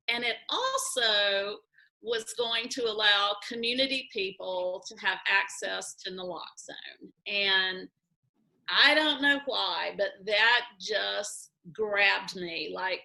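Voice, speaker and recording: A middle-aged woman speaking at a conference, telling a personal story in an animated, self-mocking way and acting out old conversations. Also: mid-range voice, low-quality recording. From Georgia, US.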